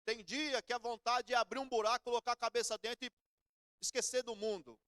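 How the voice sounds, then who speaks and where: A man's voice: very high-pitched, fairly even intonation, brisk, fairly bright tone, smooth, dry recording, studio quality. A middle-aged Brazilian man preaching a sermon in church, telling everyday stories in a conversational way. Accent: Brazilian Portuguese. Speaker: pastor.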